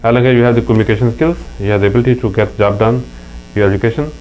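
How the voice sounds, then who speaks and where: Speaking rapid-fire in a mid-range, slightly mellow voice, this middle-aged man from Pakistan shares stories as a guest in a relaxed interview. He is earnest and frequently starts over mid-thought, and his Pakistani accent is clear. The low-quality recording carries a faint mains hum.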